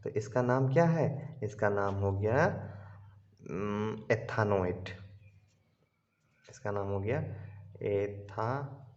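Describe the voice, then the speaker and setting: A male chemistry teacher giving an online class lecture, explaining slowly and repeating himself, and asking the students' questions aloud for them. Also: fairly low pitch, darkish tone. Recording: roomy, dull lo-fi sound.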